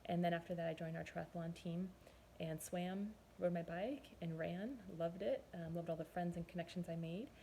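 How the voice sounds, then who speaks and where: Gravelly-voiced woman in her forties. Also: fairly low pitch, mellow, a little hiss or hum. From Southern California, US. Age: 40s. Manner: chatty and earnest, frequent pauses to recall. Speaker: nutrition and fitness coach. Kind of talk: personal testimonial monologue.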